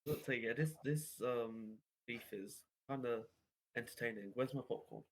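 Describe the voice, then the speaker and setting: A man's voice: mid-range voice, normal speed, rough recording. A man playing a tabletop game, chatting casually and joking. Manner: joking, playful. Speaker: player.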